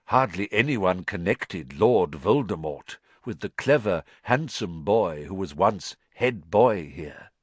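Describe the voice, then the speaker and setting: A man voicing a wise, gentle old headmaster who speaks in a measured way. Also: deep voice, animated, husky, no echo, exaggerated voice.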